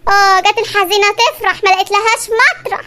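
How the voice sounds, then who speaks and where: A woman's voice: extremely high pitch, quick pace, sharp tone. A woman voicing a fed-up housewife in a cartoon comedy, speaking with an Egyptian Arabic accent and moaning about the heat to anyone who will listen. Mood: weary. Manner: whiny complaining, exclamations to God. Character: fed-up housewife Tanakh Hanim, melting in the heat, loud and complaining.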